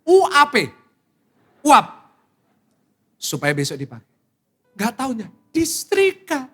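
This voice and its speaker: A middle-aged man, a pastor preaching a sermon to a congregation. He tells personal stories animated delivery, acts out his own shocked reactions and asks the congregation questions. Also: high voice, takes it slowly, breathy edge. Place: church sanctuary in front of a congregation.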